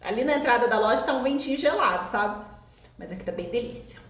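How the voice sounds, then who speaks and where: A woman's voice: a little high, lively intonation, fast talker, reverberant. A Brazilian woman hosting a live crochet session, chatty and laughing often, with a lingering cough, seated in a shop. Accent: Brazilian Portuguese. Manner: chatty, warm greetings to viewers, laughs often. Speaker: crochet teacher. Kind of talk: live-stream crochet chat.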